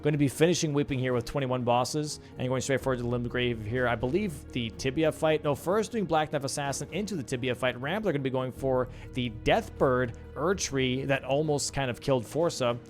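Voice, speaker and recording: A man's voice: medium pitch, a little fast, hardly any pauses, soft background music. A young man casting a live video game match, calling the play casually and talking to his stream chat. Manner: casual, slangy, chatting with stream chat between calls. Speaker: caster. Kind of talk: live esports play-by-play commentary.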